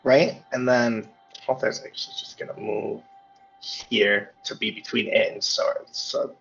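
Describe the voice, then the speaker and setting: A man with a husky voice plays a tabletop game, talking through his moves and the rules. The sound is dull, lo-fi online call audio. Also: lowish voice, fairly even intonation, measured pace, fairly bright tone, soft background music. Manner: explains rules and plans, thinks aloud. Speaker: player. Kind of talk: casual tabletop play.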